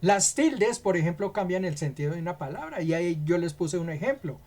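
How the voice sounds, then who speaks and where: A man's voice: high voice, animated, brisk, darkish tone. A man with a Colombian accent teaching a Bible lesson on a church program, explaining step by step through examples and often checking in with a rhetorical question.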